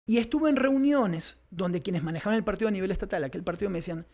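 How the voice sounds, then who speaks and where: A man's voice: sits high, fast talker, darkish tone. Blunt man in podcast chat. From Argentina. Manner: emphatic, opinionated, blunt with swearing. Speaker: podcast co-host. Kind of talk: casual political chat.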